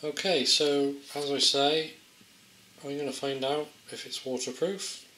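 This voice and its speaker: This amateur tester's voice is fairly high, his intonation fairly even, and he talks a little slowly. Demonstrating a gadget hands-on, he muses aloud without a script, sounding tentative and low-key. Clicks, faint background noise and a roomy echo run through the audio.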